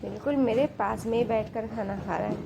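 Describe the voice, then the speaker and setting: A woman's voice: fairly high pitch, fairly even intonation, brisk, gravelly. A woman casually vlogging as she feeds her birds and pets outdoors, talking to them in a fond, coaxing way. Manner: fond, coaxing talk to animals. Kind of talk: casual vlog commentary. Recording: noisy outdoor ambience.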